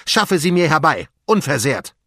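A man's voice: a little high, sing-song, normal speed, pushed and bright, no echo, clean studio sound, pitched above the performer's own voice, full character voice. A man voicing a sinister old male vizier sorcerer, murmuring and commanding, for a storybook reading. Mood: menacing.

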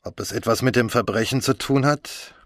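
An excitable French police commissioner, as a man puts him on in an audiobook. His voice sits well above the reader's own and pushes forward, effusive and fussy. The recording is close and dry. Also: medium pitch, normal speed, no room sound, pitched above the performer's own voice, lightly acted. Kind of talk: audiobook character voice.

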